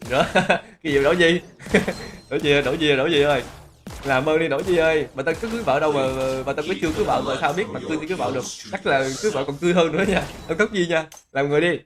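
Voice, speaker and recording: A man doing live gameplay commentary, who exclaims loudly and greets and teases his chat viewers. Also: on the high side, rapid-fire. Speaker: game streamer. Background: game music.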